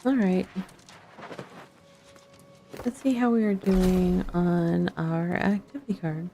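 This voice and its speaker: A woman's voice: fairly low pitch, fairly even intonation, takes it slowly, gravelly, dark tone. A woman streaming a game with casual chat, musing to herself in short fragments over music. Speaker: streamer playing an online fantasy game. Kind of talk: casual gameplay chat, thinking aloud.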